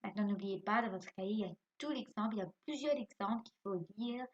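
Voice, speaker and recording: A woman's voice: mid-range voice, fast, breathy edge, lo-fi sound. A woman teaching young pupils from home, spelling out words letter by letter and quizzing them, then answering her own questions. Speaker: primary school teacher.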